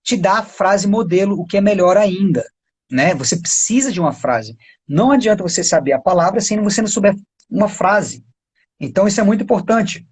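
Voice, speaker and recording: A man with a Brazilian Portuguese accent, an English teacher giving a casual live-stream lesson, chatty and full of quick tag questions. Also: high voice, husky. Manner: chatty, peppers talk with tag questions and pointers.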